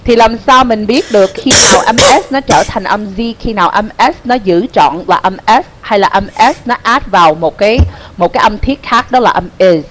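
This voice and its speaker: A young woman teaches pronunciation. Her pitch sits in the middle range. She speaks patiently, repeats each rule and keeps asking "okay?" to check that everyone is following. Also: moderate pace, a bit bright, slight background noise, low-quality recording. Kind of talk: online classroom explanation.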